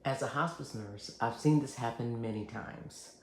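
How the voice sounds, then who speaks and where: Speaking from a script straight to camera, this channel host, a hospice nurse, teaches in a gravelly, creaky, mid-range voice. His tone stays calm, sincere and comforting, though the recording echoes and carries a little background noise.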